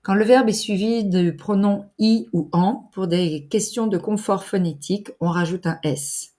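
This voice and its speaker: A woman teaching grammar in a clear, deliberate lesson voice, pausing for exercises. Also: medium pitch, mellow. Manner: deliberate, articulated teacher's delivery with pauses for exercises. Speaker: French teacher.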